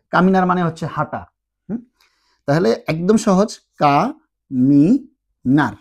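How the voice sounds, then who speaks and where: A language teacher with a high, slightly mellow voice gives a tutorial lesson. He patiently poses questions to his listeners and answers them himself, sounding out syllables slowly one at a time.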